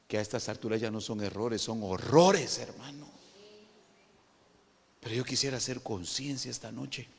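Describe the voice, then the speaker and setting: Male Guatemalan preacher, fervent sermon delivery, mid-pitched voice, long reverb from the hall. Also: normal speed, gravelly, pauses often, breathy edge. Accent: Guatemalan Spanish. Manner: animated, addresses listeners as "hermano", rises to loud emphatic peaks.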